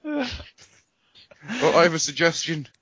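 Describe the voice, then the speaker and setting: A man's voice: fairly high pitch, sing-song, a little slow, fairly bright tone, no echo, muffled recording. A man chatting and joking with friends on a podcast. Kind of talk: casual chat.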